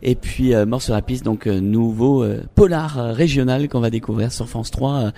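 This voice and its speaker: A man's voice: mid-range voice, steady tone, normal speed, vocal fry, dark tone. A man hosting a chatty broadcast interview in an effusive, complimentary manner. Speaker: interview host.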